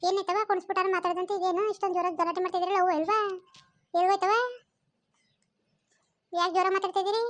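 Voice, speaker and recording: A woman voicing a nosy older village auntie who calls out in drawn-out rural tones. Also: extremely high pitch, level tone, voice pushed up.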